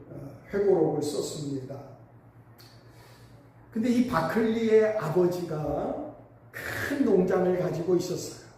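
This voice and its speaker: A man's voice: on the high side, mellow, a little hiss or hum. A male pastor preaching a sermon, telling a story with emphatic swells. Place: church sanctuary. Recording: echoey church hall, mic at a distance.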